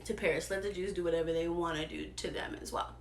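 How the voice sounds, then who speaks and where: A woman voicing a young queen who gives firm, measured orders. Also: on the low side, steady tone, echoey room, voice pushed down, lightly acted. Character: calm, commanding young queen.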